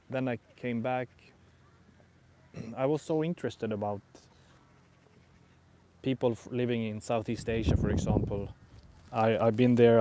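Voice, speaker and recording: A man's voice: medium pitch, warm tone. Rambling non-native English-speaking man, casual vlog. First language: not English. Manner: hesitant, rambling, repeats and rephrases. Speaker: vlogger. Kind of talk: casual spoken vlog, thinking aloud. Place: outdoors, on a walk.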